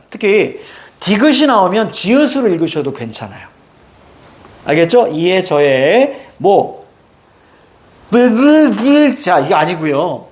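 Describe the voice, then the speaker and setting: A male teacher leads a classroom lesson with a lively, swooping delivery. His voice sits a little high for a man. He keeps stopping to quiz his students and check they follow. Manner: animated, questioning students, drawing on a board. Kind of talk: classroom lecture.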